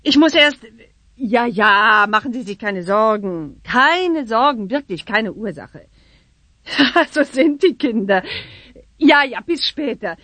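A woman's voice: fairly high pitch, expressive, slow, pushed and bright, no echo, exaggerated voice. A middle-aged woman voicing an anxious, bossy witch mother in a children's radio play. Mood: flustered. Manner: fretful and bossy, chants spells.

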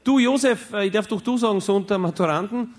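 A man voicing an excitable, overly familiar male groundskeeper with an Austrian German accent. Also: fast, noisy background, natural voice. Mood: chummy. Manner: high, eager, overly familiar.

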